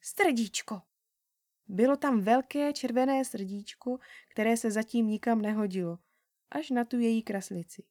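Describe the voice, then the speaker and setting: Woman, children's storybook narration, gentle, unhurried, fairly high voice, dry close sound. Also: no room sound.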